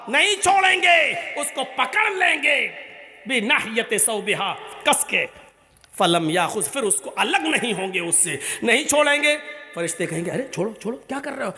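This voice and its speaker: A man preaching an impassioned sermon at a public religious gathering, chanting and shouting with emotion. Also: extremely high pitch. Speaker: Islamic preacher.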